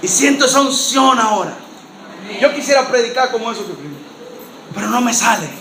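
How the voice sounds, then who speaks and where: High-voiced pastor guy preaching hard, shouts then goes quiet, far from the mic in a super echoey church. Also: expressive, brisk, slight background noise. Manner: impassioned, swings between shouting and hushed asides. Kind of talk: sermon. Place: church sanctuary.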